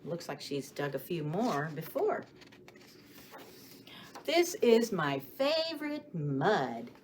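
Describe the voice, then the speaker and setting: A woman reading stories and rhymes aloud for young children as a storytime host, with a sing-song, expressive delivery, often putting questions to the children. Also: lowish voice. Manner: addresses children directly with questions and pauses for answers. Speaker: children's librarian hosting storytime. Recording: clearly audible background noise.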